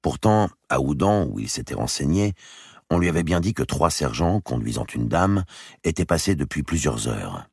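A man reading a historical novel aloud in a very deep voice with a lively, shifting melody. His tone is husky and gravelly, and the close recording has no room echo. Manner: measured storytelling. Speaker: audiobook narrator. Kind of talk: scripted narration of a historical novel.

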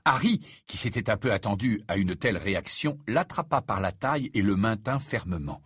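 A male narrator reads an audiobook with a lively, expressive voice, measured and even in pace. His tone is slightly husky, recorded close and dry. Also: lowish voice, no room sound. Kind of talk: scripted narration.

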